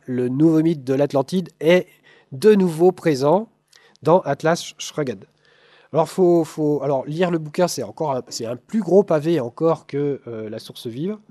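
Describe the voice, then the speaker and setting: A man from France gives a talk to a live audience, his voice mellow and darkish. He hesitates a lot, fills pauses and restarts his sentences, and throws in dry asides to the audience. The sound is close and dry. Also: fairly high pitch, dry recording. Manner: hesitant, many fillers and restarts. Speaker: lecturer. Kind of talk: live conference talk with slides.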